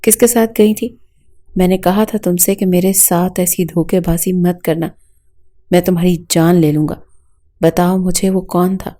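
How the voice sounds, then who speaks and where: A woman voicing a furious, jealous young male police inspector who shouts threats at his wife in a storybook reading. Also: lowish voice, steady tone, close to an everyday voice.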